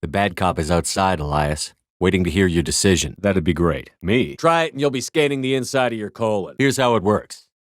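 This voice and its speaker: A man's voice: low voice, a little fast, hardly any pauses, dry recording, close to an everyday voice. A man voicing a tough, commanding military starship commander in a video game, with a terse, authoritative, dry delivery. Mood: cool, threatening.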